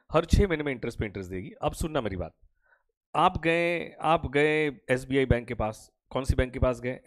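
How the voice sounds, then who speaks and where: A man teaching an online class. He has a cough and trouble speaking. He talks slowly on purpose, asks a question, answers it himself, repeats each point and calls his students "beta" like a fatherly teacher. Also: mid-range voice. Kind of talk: online lecture.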